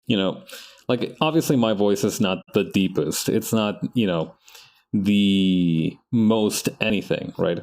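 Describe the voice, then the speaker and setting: While drawing on a live stream, this man talks to himself in a rambling, self-correcting way, frequently starting sentences over in casual chat. He speaks slowly, with a voice on the low side and a darkish tone.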